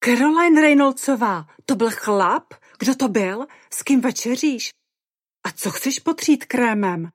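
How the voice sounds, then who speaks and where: A woman reading an audiobook, voicing a loud, excited, tipsy young female friend who shrieks down the phone. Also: sits high, few pauses, dry recording, clean studio sound, pitched above the performer's own voice. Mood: shrieking excited. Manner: squealing, shrieking.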